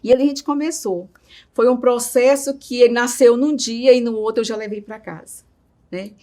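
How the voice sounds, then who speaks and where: A middle-aged woman with a Brazilian Portuguese accent gives a personal testimony as an interviewee, telling her story with much feeling and often ending sentences with a questioning "right?". Her voice is a little high and mellow, at a moderate pace.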